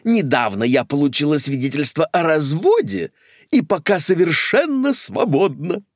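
A high, fluttery old lady who gushes over everything, as a male narrator puts her on. Her voice swoops and flutters in a dry, close recording. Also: sing-song, moderate pace, no echo. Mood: gushing. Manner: effusive, fluttery. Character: flighty, gushing elderly woman, newly divorced.

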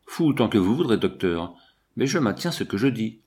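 A man voicing an excitable, easily frightened young male assistant in an audiobook. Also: lowish voice, a little fast. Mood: insistent.

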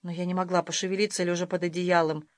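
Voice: medium pitch, level tone, fast talker, no echo, clean studio sound. A narrator reading a first-person audiobook with dramatic, emotional delivery.

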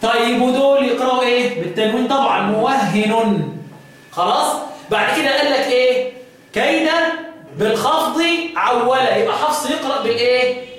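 A man with an Egyptian Arabic accent teaching the Quranic readings, quizzing his students and chanting verses slowly. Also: extremely high pitch, fairly bright tone. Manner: quizzing students with repeated questions. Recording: echoey room, distant mic, faint noise.

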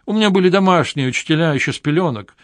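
A brassy, flirtatious showbiz woman who gushes and teases in a high, sing-song voice, as a male audiobook narrator puts her on. Dry, close recording with no room sound. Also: lively intonation, racing, no room sound, lightly acted. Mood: gushing. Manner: gushing, teasing, theatrical. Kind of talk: audiobook character voice.

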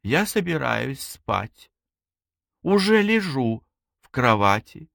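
A man reading the lines of a shy, tender young woman in an audiobook, speaking softly, almost in a whisper. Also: on the low side, sing-song, slow, no room sound, studio quality, heavily acted. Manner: soft, near whisper.

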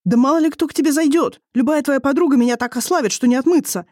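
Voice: high-pitched, fast talker, darkish tone, dry recording, clean studio sound, voice pushed up, close to an everyday voice. A reader voicing an angry, proud young husband who snaps and growls indignantly. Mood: furious.

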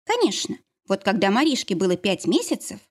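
A woman's voice: medium pitch, big pitch swings, fairly quick. A woman voicing a caring young mother and priestess who reassures her friend. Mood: reassuring.

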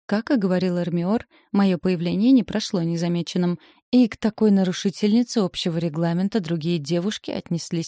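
A woman narrating a fantasy novel in the first person, with an even storytelling manner. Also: lowish voice, no echo, studio quality. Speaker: audiobook narrator.

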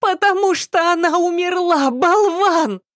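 A woman voicing a scheming young maidservant in an audiobook, with a nasal voice and sharp, quarrelsome retorts. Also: very high voice, measured pace, dry recording, clean studio sound, voice pushed up. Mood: indignant.

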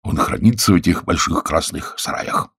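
Scheming stout husband read by a man, deep, husky, hushed and secretive, audiobook. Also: normal speed, exaggerated voice. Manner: hushed, conspiratorial, often half-whispered.

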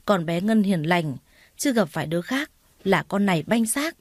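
A domineering older woman from a storybook, harsh, contemptuous and quick to scold, read by a female narrator. The voice is mid-pitched and recorded close and dry. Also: lively intonation, no echo, lightly acted. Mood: scornful. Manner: scolding, contemptuous, shouting orders.

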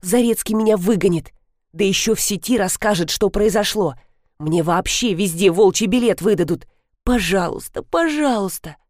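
A woman's voice: mid-range voice, lively intonation, normal speed, a little mellow, dry recording, clean studio sound, natural voice. A woman voicing a flustered young female event organizer who chatters shrilly and pleads, in an audiobook reading. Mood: pleading.

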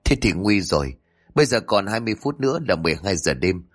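A man voicing an anxious young woman in a spoken story, talking in a hurried way. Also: sits low, big pitch swings.

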